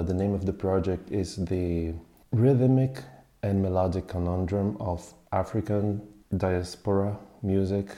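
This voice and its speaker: A man speaks slowly and thoughtfully, pausing often as he recalls his story. His voice sits very low and mellow. The recording has a noticeable roomy echo. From Brazil. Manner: unhurried, thoughtful, pauses with fillers. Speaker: musician guest. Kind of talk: interview answers, reflective storytelling.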